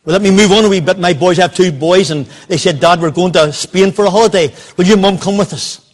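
In a fast, high-pitched voice, an older man preaching a sermon recounts a personal anecdote. He brings the story to life by quoting what the people in it said to one another.

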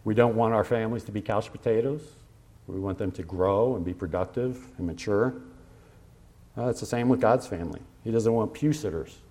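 A pastor delivers a sermon to his congregation in a conversational style, with pauses and fillers, slowing down to stress scripture references. His voice is lowish with a dark tone.

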